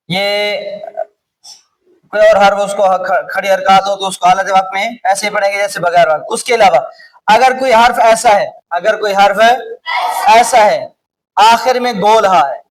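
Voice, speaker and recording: A man with a Pakistani Urdu accent teaching a class on reading the Quran. He slowly repeats words over and over, quizzes his students, and sometimes calls out loudly. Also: sits high. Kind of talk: classroom lesson on Quranic recitation rules. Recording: distant mic with clear background noise.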